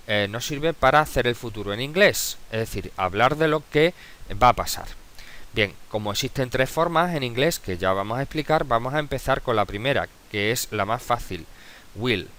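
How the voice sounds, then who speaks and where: A man's voice: medium pitch, a bit bright. A man teaching an English lesson in a video tutorial, with a Spanish accent, patiently repeating example words.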